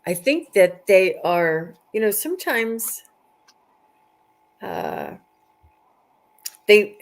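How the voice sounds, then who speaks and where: On a live stream, a woman chats casually and gives viewers readings, frequently pausing and repeating phrases as she thinks out loud. Her voice sits in the mid range.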